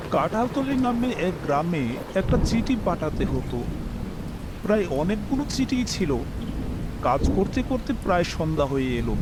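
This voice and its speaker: Telling a horror story as its first-person protagonist, a young man delivers a scripted, expressive reading that slips into polite dialogue. He has a high voice for a man that moves with lots of melody, and background noise is audible.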